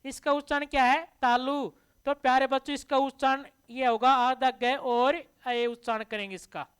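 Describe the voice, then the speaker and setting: A woman's voice: high-pitched, steady tone, moderate pace, clear, resonant tone. A woman teaching a classroom grammar lesson, asking the class questions and answering them herself to drill the terms. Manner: addresses listeners as dear children.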